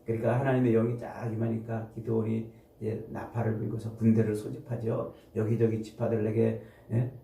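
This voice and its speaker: A man's voice: on the low side, monotone, a little fast, gravelly, few pauses, warm tone, slight background noise. A middle-aged male pastor preaching, retelling a story and acting out the voices in it. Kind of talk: sermon. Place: church sanctuary. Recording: echoey room from a distance.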